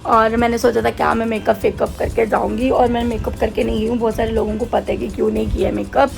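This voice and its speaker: A woman vlogger chatting casually into a handheld phone camera at home, animated and laughing at herself. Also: fairly high pitch, fast, vocal fry, faint music behind. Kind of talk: casual vlog chat in Hindi mixed with English. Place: at home getting ready.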